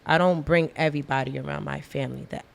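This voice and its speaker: A woman co-hosting a casual podcast talk with a slightly low voice, laughing easily and circling back over her words. Her voice carries a long reverb tail from the room. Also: steady tone, fast, vocal fry. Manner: laughs often, talks in repeated restarts. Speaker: podcast co-host.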